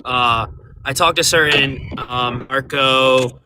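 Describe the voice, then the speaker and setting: A man talking casually over an online call in a halting way, full of fillers and restarts, while his voice keeps cutting in and out on a bad connection. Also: medium pitch, steady tone, noisy background.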